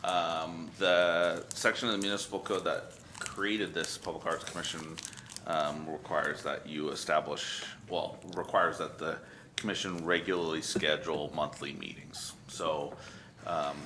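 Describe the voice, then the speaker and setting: A man with a very low voice and a bright, forceful edge walks a commission through its scheduling rules. He talks in a measured way, pausing on frequent ums. Faint noise hums under the recording. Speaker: city staff member. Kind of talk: explaining procedure at a public meeting.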